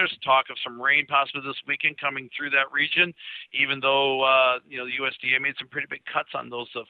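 A man, giving market commentary over a phone line, with steady talk and frequent fillers. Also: medium pitch, dry recording. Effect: heard over a phone line. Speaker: market analyst guest. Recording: tinny dry phone line.

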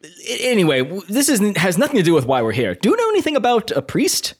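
A man's voice: high-pitched, wildly swooping pitch, quick pace, husky. A man chatting casually as a player in a tabletop game.

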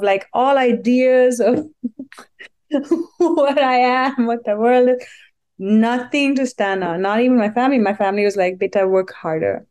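A woman's voice: medium pitch, warm tone. A woman from India, a guest telling a personal story earnestly and thoughtfully, with many "like" fillers.

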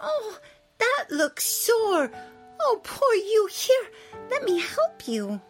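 An adult voicing a kind, gentle little girl who talks softly. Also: extremely high pitch, wildly swooping pitch, slow pace, faint music behind, exaggerated voice. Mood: caring. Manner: soft, caring.

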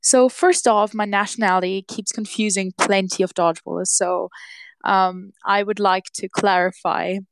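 A woman's voice: medium pitch, fairly even intonation, normal speed, noisy background. A young woman from Austria, a podcast guest giving a prepared account with frequent ums. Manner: frequent hesitant ums between phrases. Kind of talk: prepared monologue.

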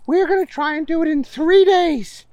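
A man voicing a stern, formal woman scientist who gives brisk orders. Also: very high voice, darkish tone, no room sound, muffled recording, voice pushed up. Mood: commanding.

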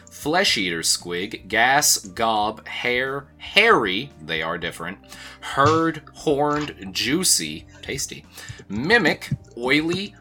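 A man's voice: mid-range voice, sharp tone. A man co-hosting a casual podcast, loose and joking, swearing often and laughing. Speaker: podcast co-host. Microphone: own mic, recorded separately.

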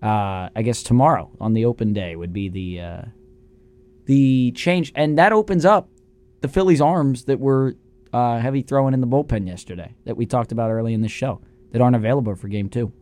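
A man co-hosting a casual sports talk show, animated and opinionated as he reasons aloud. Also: medium pitch, a little fast. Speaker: sports radio co-host.

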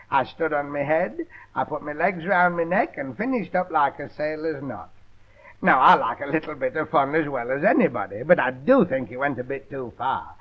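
A man's voice: on the high side, lo-fi sound. Mock-polite man on a 1930s record. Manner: rambling, mock-polite storytelling. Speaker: comedian. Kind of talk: comic monologue.

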